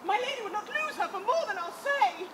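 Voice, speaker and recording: A woman on an open-air stage playing a quick-witted, mischievous lady's maid who speaks in an excitable, exclamatory way. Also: extremely high pitch. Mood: mock-worried. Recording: outdoor recording with loud street noise.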